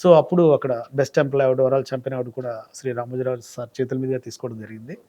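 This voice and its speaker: A man's voice: medium pitch, racing, lo-fi sound. A man in his thirties from Telangana, a comedian and mimicry artist, telling his story in a casual interview. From Telangana, India. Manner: animated storytelling, acts out quoted voices.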